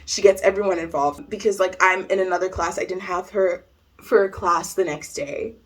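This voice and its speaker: A young adult woman vlogger telling a personal storytime in an animated way, laughing often. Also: fairly low pitch, moderate pace. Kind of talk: storytime vlog.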